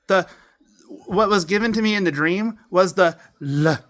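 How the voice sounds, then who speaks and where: A man's voice: high voice, moderate pace, fairly bright tone. A man rambling fervently and emotionally into a camera he holds at home, speaking in his own casual way. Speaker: self-recording believer. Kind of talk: rambling self-recorded monologue. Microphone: phone or camera he talks into.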